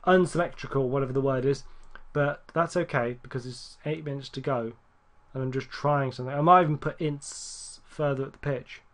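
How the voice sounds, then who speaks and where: A man giving casual, rambling gameplay commentary, correcting himself often and getting excited at near misses. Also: mid-range voice, normal speed, hardly any pauses. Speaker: gaming YouTuber.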